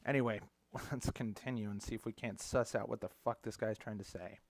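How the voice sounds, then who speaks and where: A man's voice: lowish voice, fairly even intonation, fairly quick, gravelly, no room sound. Sarcastic, profane male commentator. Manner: sarcastic, profane, interrupts himself to scoff. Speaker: commentary vlogger. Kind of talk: reading aloud and mocking an article.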